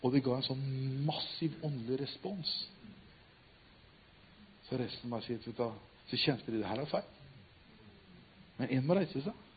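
A man preaching and retelling a story, swinging from loud emphatic cries to hushed, quiet tones. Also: medium pitch, lively intonation, long pauses, a little hiss or hum. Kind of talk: sermon storytelling. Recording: tinny phone-like sound.

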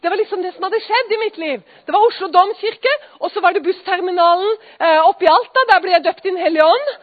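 A woman's voice: very high-pitched, no room sound. A woman giving an earnest, emotional personal testimony, at times dropping to a whisper. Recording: dry, phone-like sound.

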